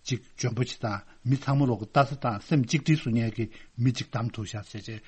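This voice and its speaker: A man speaks alone about world affairs. His husky, breathy voice sits at an ordinary pitch. His sentences run on into one another. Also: normal speed. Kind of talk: solo talk on world affairs.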